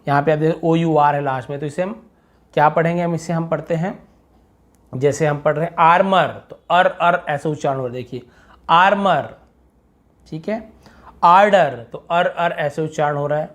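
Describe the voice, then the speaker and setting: Guy teaching english pronunciation online, kinda high voice, says the example words extra loud. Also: normal speed, pauses often. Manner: reads example words aloud louder, explains in chatty asides. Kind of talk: online phonics lesson.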